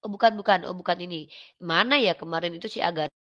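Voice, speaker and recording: A young adult woman casually talking on a livestream, animated and quoting others as she goes. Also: lowish voice, quick pace, lo-fi sound. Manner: animated, quotes others in acted voices. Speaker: live streamer commenting on religious controversy.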